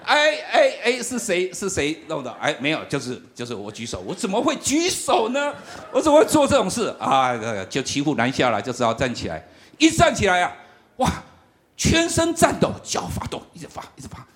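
A middle-aged man, giving a lively, humorous sermon testimony and often laughing as he tells the story. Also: high-pitched, normal speed. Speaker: campus ministry worker.

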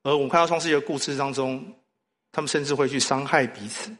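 A man's voice: mid-range voice, fast. A man preaching a sermon, telling stories and asking the congregation questions. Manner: animated storytelling with rhetorical questions. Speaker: pastor. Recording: long hall reverb.

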